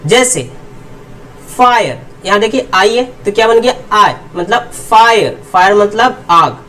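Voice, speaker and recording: A teacher gives an explanatory lesson on English pronunciation, asking rhetorical questions repeatedly and answering them, then drilling word pairs slowly, each word followed by its meaning. The medium-pitched voice is pushed and bright with lively intonation. The mic is distant and the recording rough.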